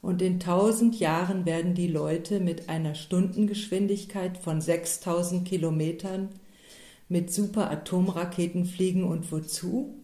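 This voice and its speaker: A woman reading a story aloud as narrator, in a calm and measured manner. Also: fairly low pitch. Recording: roomy echo.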